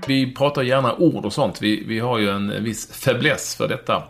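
Over music, a man with a medium-pitched voice co-hosts a casual podcast, bantering and arguing his points emphatically in a mock-serious way.

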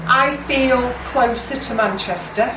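A woman from Warrington with a northern English accent, answering street questions haltingly and repeating herself. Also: a little high. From Warrington, England. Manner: halting, repeats words as she thinks. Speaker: passer-by. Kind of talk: casual street interview. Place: outdoors on a street. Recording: distant, echoey, noisy street.

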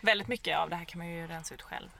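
A woman's voice: lowish voice, creaky, sharp tone, a little hiss or hum. Reflective woman podcast co-host. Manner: reflective, hesitant, many fillers. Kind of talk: casual chat.

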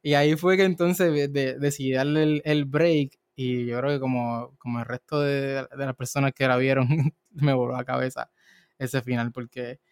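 Another casual film chat features a male co-host whose medium-pitched voice is clear and resonant, with fairly even intonation at a moderate pace and no room sound. His stories ramble, full of restarts and side tangents.

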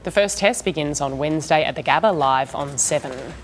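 Low-voiced Australian woman reading the news. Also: a little fast, a little hiss or hum. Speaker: news presenter. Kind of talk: scripted news bulletin reading.

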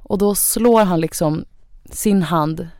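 A woman's voice: fairly low pitch, dark tone, dry recording, studio quality. A young woman, a podcast guest, tells a personal story in casual chatty talk, full of fillers. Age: young adult. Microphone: studio microphone.

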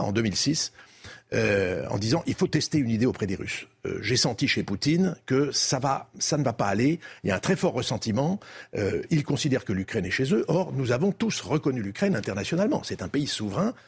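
An older Frenchman with a French accent and a husky, medium-pitched voice recounts diplomatic history as a debate guest. His delivery is measured and didactic, with emphatic phrasing.

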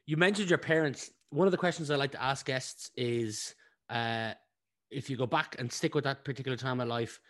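A man's voice: mid-range voice, moderate pace, fairly bright tone. A man hosting a business podcast, asking questions in a friendly, upbeat way. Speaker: podcast host. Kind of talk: interview hosting.

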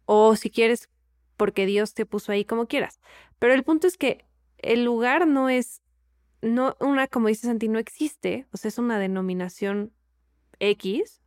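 Una mujer joven con acento mexicano, copresentadora de un pódcast, hablando directo y sin rodeos en charla casual. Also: female voice, a little high, measured pace, darkish tone, no room sound, studio quality. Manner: blunt, conversational. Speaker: podcast co-host. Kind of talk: casual chat.

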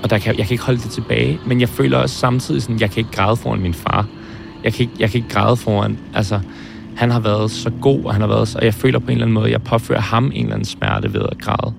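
A man in his twenties, speaking hesitantly and thoughtfully in an interview, often pausing and restarting. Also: lowish voice, fairly even intonation, vocal fry, music in the background. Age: 20s. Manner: hesitant, pauses and restarts, searching for words. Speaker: film director interviewed about his heart surgery. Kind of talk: reflective interview.

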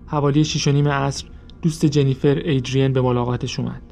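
Male narrator, dark mellow tone, steady measured true-crime storytelling over soft music. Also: mid-range voice, creaky. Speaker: podcast narrator.

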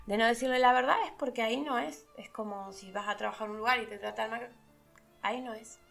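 A woman's voice: fairly high pitch, fast talker, creaky, fairly bright tone, soft background music. A middle-aged woman, talking casually as a podcast host, laughing and acting out the voices of people she quotes. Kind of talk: casual reflective monologue.

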